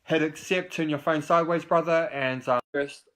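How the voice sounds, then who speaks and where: A man's voice: on the high side, steady tone, moderate pace, fairly bright tone. Chatty New Zealand man hosting a stream. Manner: loose and rambling, full of "you know" and "um". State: in recovery, six months clean. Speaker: host of recovery live stream. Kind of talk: casual live-stream chat.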